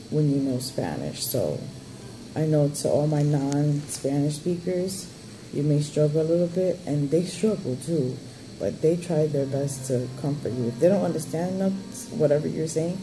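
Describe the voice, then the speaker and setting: A woman's voice: low-pitched, rough recording. Candid woman in her thirties, casual vlog chat. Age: 30s. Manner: candid, blunt, swearing, rambling. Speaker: vlogger giving a surgery update.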